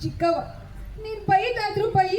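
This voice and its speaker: A woman's voice: very high-pitched, normal speed, noisy background. A woman with a North Karnataka Kannada accent voicing a poor, downtrodden young village wife in a dramatic story reading, with a plaintive, brooding manner. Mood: pleading. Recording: roomy home recording.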